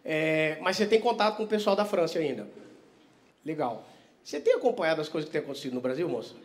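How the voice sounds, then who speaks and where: A male stand-up comedian works the crowd, teasing and swearing, swinging from quiet asides to loud laughing bursts. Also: a little high, very animated, fast talker. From Vitória, Brazil. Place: comedy stage before a live audience.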